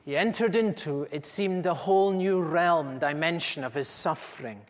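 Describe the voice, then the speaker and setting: Male actor as an aged apostle eyewitness, slightly high voice, earnest storytelling, reverberant hall. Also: normal speed, natural voice. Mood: solemn. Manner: earnest, intimate storyteller with dramatic swells. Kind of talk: first-person dramatic monologue. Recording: echoey hall with long reverb.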